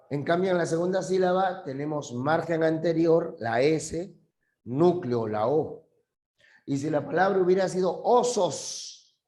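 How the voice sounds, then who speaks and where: Male teacher, measured classroom delivery, higher than average voice, patient and repetitive. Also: dark tone, echoey room. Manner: patient, repeats key terms, checks understanding. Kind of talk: classroom language lesson.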